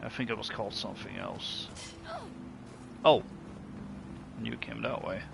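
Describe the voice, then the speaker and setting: A man's voice: fairly low pitch, steady tone, unhurried, vocal fry, noisy background. A man giving casual let's play commentary, musing and thinking aloud in a hesitant way. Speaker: gaming video host. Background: game music.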